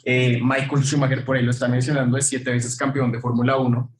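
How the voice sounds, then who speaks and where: In a big, echoey room, a man gives a classroom lecture that's streamed on Zoom too. He speaks fairly quickly at medium pitch with a flat delivery, relaxed and full of fillers, regularly firing questions at the class.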